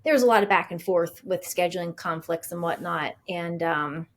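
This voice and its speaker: A middle-aged woman, an author being interviewed on a podcast, telling a story in a chatty, animated way and acting out what people said. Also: on the low side, moderate pace. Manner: chatty, animated storyteller who acts out quoted dialogue; frequent fillers and restarts.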